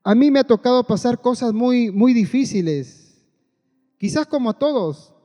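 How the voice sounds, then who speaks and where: A man's voice: very high voice, expressive, normal speed, warm tone. A man preaching a sermon in an earnest way, repeating his phrases and often turning to address the congregation directly. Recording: long hall reverb.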